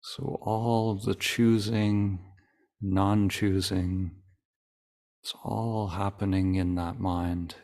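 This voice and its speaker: With a deep voice, a male meditation teacher guides a session calmly and deliberately. He speaks in short phrases separated by long pauses.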